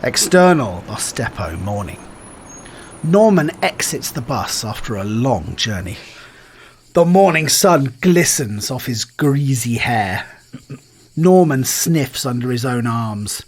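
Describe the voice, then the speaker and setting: A man's voice: mid-range voice, big pitch swings, slow, a little hiss or hum. A man co-hosting a podcast, chatting casually and reading a screenplay aloud, joking and laughing often. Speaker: podcast co-host.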